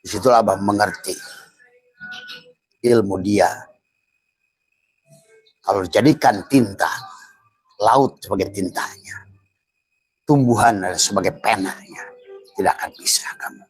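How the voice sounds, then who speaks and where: A man's voice: on the low side, unhurried, pauses often, soft background music, low-quality recording. An older man giving a spiritual teaching, chuckling often and dropping into whispered asides. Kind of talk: Sufi religious teaching.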